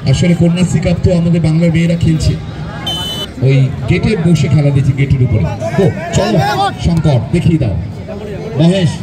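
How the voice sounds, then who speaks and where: A man calls a football match live in a frantic, exclamatory way. His voice is fairly high, and he works outdoors over a very loud crowd. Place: outdoors at a local football ground. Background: loud crowd, outdoor urban noise.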